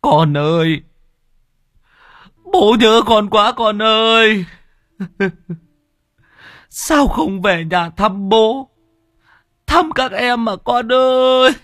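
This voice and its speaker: A man reading an audio story and voicing a grieving old village father who wails and shouts in anguish. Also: high-pitched, expressive, measured pace, few pauses, no echo, studio quality, pitched above the performer's own voice. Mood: wailing. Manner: wailing, sobbing, shouting in anguish.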